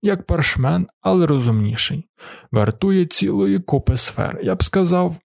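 Brief: man doing a brash, mocking male vagabond, husky and commanding, audiobook. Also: on the high side, sing-song, unhurried, no echo, clean studio sound, voice pushed up, full character voice. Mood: boastful. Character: boastful crude male drifter, master of a servant.

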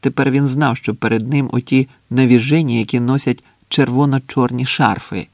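A man narrating an audiobook in a calm, steady reading voice. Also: mid-range voice, moderate pace, gravelly, dry recording. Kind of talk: scripted narration.

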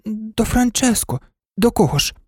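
Man doing a shy small toy pup, high and hesitant, dry close sound, storybook. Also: lively intonation, unhurried, no room sound. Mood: timid. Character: timid little male rag toy dog.

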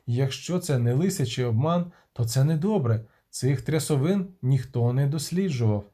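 A man voicing a steady male helmsman who speaks in a low, measured, confiding way, in an audiobook reading. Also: natural voice. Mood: wary. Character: steady older male helmsman, calm and wary.

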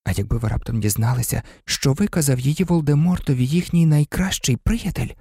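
A man's voice: mid-range voice, fairly quick, dark tone, slightly rough, dry recording, clean studio sound. A man voicing a stubborn, bitter teenage boy who talks grimly. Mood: brooding. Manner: stubborn, grim.

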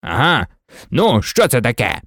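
A man voicing a boastful, excitable unicorn who likes to exclaim. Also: medium pitch, measured pace, no room sound, studio quality, pitched below the performer's own voice, exaggerated voice. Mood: cocky. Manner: eager, exclaiming.

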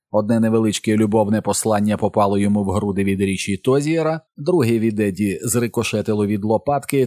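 Male audiobook narrator, steady measured reading, mellow dark timbre, dry close sound. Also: on the low side, dry recording. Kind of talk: scripted narration.

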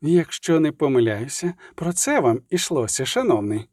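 A man voicing a calm, ironic male barber who speaks in a cool, measured way, in an audiobook reading. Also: a little high, dry recording, clean studio sound. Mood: calmly ironic.

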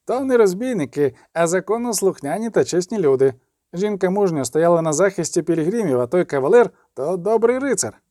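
Audiobook: male reader as a loud, honest knight, slightly raised. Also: high voice, lively intonation, a little fast, no echo, studio quality. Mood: earnest. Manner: shouting, earnest. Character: earnest mustached knight, loud and honorable.

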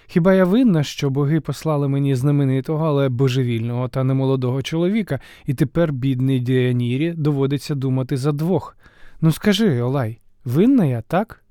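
A man's voice: medium pitch, a little fast, warm tone, clean tone, dry recording, clean studio sound, close to an everyday voice. A man reading an audiobook, voicing a proud, scheming mature queen who pleads indignantly and theatrically. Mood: indignant pleading. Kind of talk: audiobook character voice.

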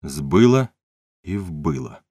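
A man voicing a gruff, commanding rich man. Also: rumbling low, sing-song, slow pace, darkish tone, dry recording, clean studio sound, exaggerated voice. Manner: gruff, domineering. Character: rough, commanding wealthy man.

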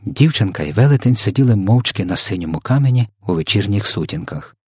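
A man narrating an audiobook in a calm, measured way. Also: on the low side, breathy edge, dry recording, clean studio sound. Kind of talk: audiobook reading.

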